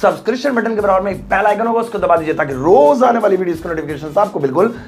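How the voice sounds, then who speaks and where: Chatty high-voiced Indian male teacher. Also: animated, very fast, loud music behind the voice. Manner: chatty, acts out little scenes with friends and pupils. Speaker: English teacher. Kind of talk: Hindi-language English lesson to camera.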